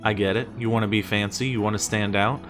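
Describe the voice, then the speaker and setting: Man from the US, fairly deep voice, conversational explainer, exasperated rhetorical questions, background music. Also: steady tone, fast talker, a bit bright. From United States. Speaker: streamer and teacher giving presentation tips. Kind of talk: casual explainer commentary.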